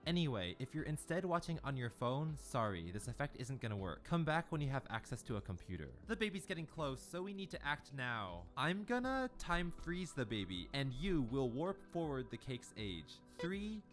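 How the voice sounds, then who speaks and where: A cocky male time-traveler mentor, played by a man, gives brisk, playful instructions. His pitch swings in a lively way, and faint music runs under him. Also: natural voice.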